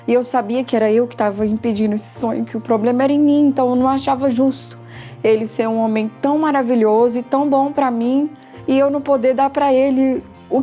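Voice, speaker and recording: A young woman with a Brazilian Portuguese accent shares her own story in a heartfelt, lively way and acts out bits of conversation as she goes. Her voice is mellow and warm, with faint music playing softly behind her. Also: a little high. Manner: emotional, lively retelling with quoted dialogue. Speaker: patient giving a testimonial. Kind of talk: personal testimonial storytelling.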